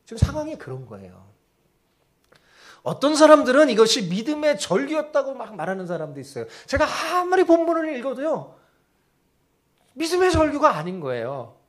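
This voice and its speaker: A male pastor preaching with animated energy and constantly tossing rhetorical questions back to the congregation. His voice sits high for a man and swings widely in pitch. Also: a little fast. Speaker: senior pastor. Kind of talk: sermon.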